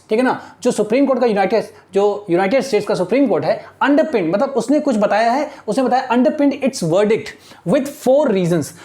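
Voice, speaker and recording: A woman teacher with an Indian accent, slowly reading English editorial lines aloud and then explaining them in Hindi, checking in with her students again and again. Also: a little high, a little mellow. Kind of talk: exam-prep lesson, reading and explaining an editorial.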